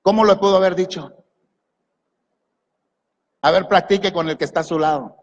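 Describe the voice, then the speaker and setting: High-voiced preaching man. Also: normal speed, lo-fi sound. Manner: preaching with rhetorical questions, commanding the congregation. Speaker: pastor. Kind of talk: sermon. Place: large church hall. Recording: long echo of a church hall.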